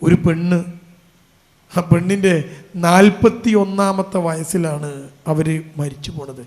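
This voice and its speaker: A male Islamic preacher, telling a story emotively and pressing the audience with emphatic questions. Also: sits high. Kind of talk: sermon.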